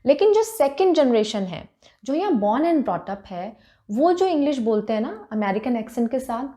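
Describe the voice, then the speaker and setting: Chatty Indian woman vlogger, mellow voice. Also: on the high side, sing-song, moderate pace. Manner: chatty Hindi-English mix, frequent fillers. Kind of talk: casual talk to camera.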